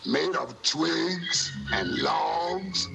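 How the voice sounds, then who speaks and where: Gravelly man playing a playful fairy-tale storyteller over music. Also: a little high, animated, extremely slow, exaggerated voice, low-quality recording. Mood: playful storytelling. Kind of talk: musical storytelling on an old song record. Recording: song record with loud music.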